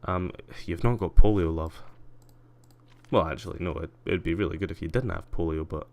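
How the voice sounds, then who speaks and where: Low-voiced man streaming a game. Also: moderate pace, creaky, darkish tone. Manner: chatty, self-mocking, mutters while playing. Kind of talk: casual gameplay commentary.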